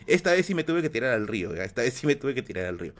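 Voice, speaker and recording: Man, live streamer, vivid storytelling, spoken sound effects, mid-pitched voice. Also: sing-song, very fast.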